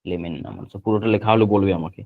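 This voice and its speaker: A man's voice: on the low side, steady tone. Male teacher over a tinny line. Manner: repeats terms slowly for note-taking. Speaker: geography teacher. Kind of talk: online class lecture.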